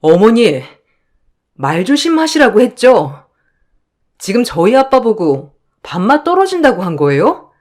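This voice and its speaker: A defiant young daughter-in-law, as the woman reader plays her in a read-aloud drama story. She fires back sharp, biting retorts in slow, pointed phrases. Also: mid-range voice, very animated. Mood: cutting.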